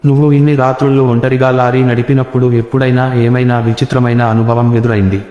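A man reading the lines of a sly, menacing female ghost hitchhiker, soft and teasing, in an echoey, reverberant room. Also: mid-range voice, level tone, fast, highs cut off, close to an everyday voice.

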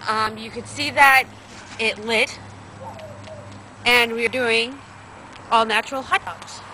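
A woman's voice: on the high side, steady tone, slow, bright, forceful tone, a little hiss or hum. A woman hosting a casual demonstration in her backyard, talking hesitantly with fillers, recorded by a camera mic at some distance. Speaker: channel host. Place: backyard outdoors.

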